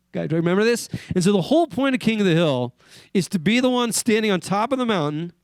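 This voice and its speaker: A pastor from Wyoming preaches a sermon in an earnest, conversational manner, asking the congregation questions and softening his voice on key words. His voice sits high, and there is no room sound.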